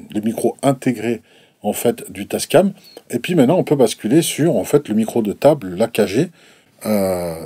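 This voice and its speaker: A gear reviewer with a warm, mid-range voice and a breathy edge explains microphones casually, hesitating often with restarts and fillers. He switches between desk microphones placed at a distance, with no room sound.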